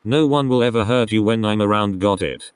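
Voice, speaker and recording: A man voicing a fierce, protective teenage boy in a read-aloud text story, talking gruff and blunt. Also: lowish voice, a little fast, no echo, lightly acted. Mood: tender.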